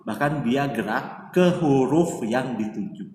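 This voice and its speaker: A man's voice: medium pitch, a little slow, a little mellow. A man telling a story as a guest in a casual interview, chatty, speaking of himself by his own name, with many fillers. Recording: echoey distant room with faint noise.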